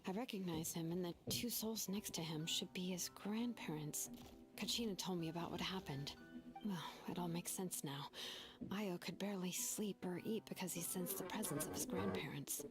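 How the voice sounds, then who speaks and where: A calm, gentle young woman from a video game, played by a woman, with a lower voice for a woman. She explains things evenly and softly. Game music plays underneath. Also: moderate pace, natural voice.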